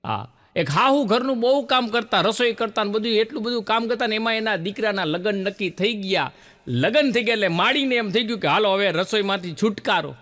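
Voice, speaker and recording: A man's voice: sits high, brisk, big-room sound. A man with a Gujarati accent telling jokes on stage, acting out the voices in his stories. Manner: animated storyteller, acts out quoted voices. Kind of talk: stand-up joke telling.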